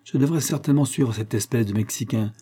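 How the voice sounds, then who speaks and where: A man's voice: mid-range voice, brisk, dark tone, breathy edge, natural voice. A man reading a puzzled young boy. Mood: perplexed. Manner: muttering, perplexed.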